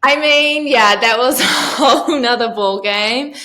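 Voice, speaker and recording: A woman in her thirties from New Zealand is an interview guest, chatting casually about her work on yacht crews with plenty of "um" and "like." Her voice is fairly high, bright and forceful, and she speaks unhurriedly.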